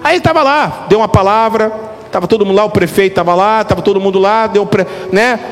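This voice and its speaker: A middle-aged man, a pastor, preaching a lively, joking sermon straight to his congregation. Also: sits high, brisk. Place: church hall. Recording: reverberant hall with faint music.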